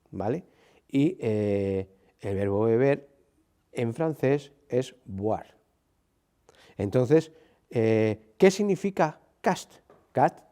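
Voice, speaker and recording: A man's voice: mid-range voice, dark tone. A man giving an earnest explanatory talk on linguistics, with frequent "eh" fillers, tag questions, and emphatic rising stresses. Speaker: speaker on linguistics.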